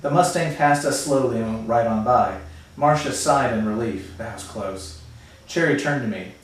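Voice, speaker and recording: Echoey teacher explaining a novel. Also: male voice, mid-range voice, normal speed. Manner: casual, explaining. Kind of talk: reading a novel aloud to a class. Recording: very echoey room, far from mic.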